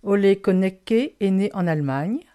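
A woman reading a children's picture book aloud, gentle and expressive, with a lively storytelling emphasis. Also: mid-range voice, measured pace, smooth.

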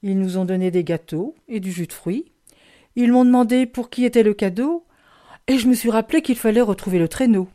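A woman reading a children's picture book aloud, gentle and expressive, with a lively storytelling emphasis. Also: on the high side, fairly quick.

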